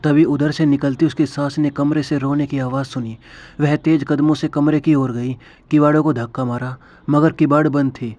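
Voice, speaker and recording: A man narrating a family story in a steady, even reading style. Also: a little high, normal speed.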